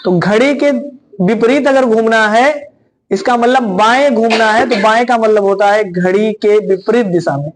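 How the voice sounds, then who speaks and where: A man teaching a classroom of exam students, speaking loudly, repeating himself and checking "right?" after each point. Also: high voice, normal speed, poor audio. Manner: loud, repetitive, keeps asking "right?". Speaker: reasoning teacher. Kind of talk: classroom lecture.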